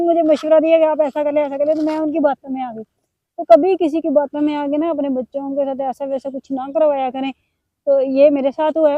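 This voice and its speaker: A high-pitched middle-aged woman speaks with a slightly sore throat. She chats to her viewers in a complaining, confiding vlog voice. The sound is dry and tinny, like a phone line. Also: dry recording. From Pakistan. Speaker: vlogger. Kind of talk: casual vlog talk to viewers.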